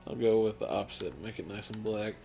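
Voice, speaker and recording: A man's voice: fairly low pitch, a little fast, vocal fry, dark tone, faint music behind. Offhand, rambling male gameplay commentator. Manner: rambling, offhand, lots of fillers. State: tired, hiccuping and yawning. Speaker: gaming channel host.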